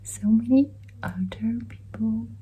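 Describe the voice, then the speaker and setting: A woman in her twenties from Greece, vlogging to a phone at arm's length in a small bedroom, her voice gone so she talks in a hoarse whisper. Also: on the high side, takes it slowly, rough recording. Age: 20s. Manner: softly whispered, breathy delivery. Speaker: exchange student vlogger. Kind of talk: casual vlog talk to camera. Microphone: phone camera at arm's length.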